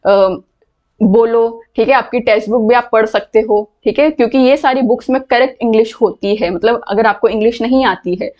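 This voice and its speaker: A woman with a fairly high voice gives an online English lesson. She explains patiently and repeats words so her students can hear how they sound. The audio is muffled and lo-fi. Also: a little fast. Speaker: English teacher. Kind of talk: online class lecture.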